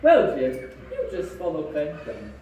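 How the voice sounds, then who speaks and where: A man playing Ben Gunn, slow, sing-song castaway. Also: a little high, wildly swooping pitch, mellow. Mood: eager. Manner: jittery, rambling, speaks of himself by name. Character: ragged, half-mad male castaway. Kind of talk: live stage play. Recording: echoey hall from far off, faint background noise.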